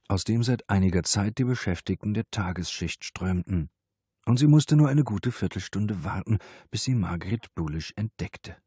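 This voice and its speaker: Deep, dark-voiced male audiobook narrator. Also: husky, dry recording, clean studio sound. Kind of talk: scripted narration.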